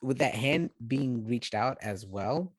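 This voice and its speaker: A man's voice: mid-range voice, animated, dry recording. Man describing his character's moves. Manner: halting, with many fillers and restarts. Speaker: player. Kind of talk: casual role-play chat.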